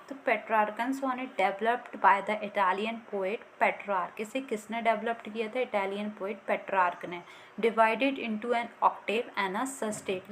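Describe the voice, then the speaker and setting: A woman's voice: mid-range voice, fairly bright tone, slight background noise, poor audio. A woman teaching an exam-prep lesson. She reads short English definitions, then asks herself questions and answers them, repeating the key points. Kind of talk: explaining a lesson, mixing in read-out English definitions.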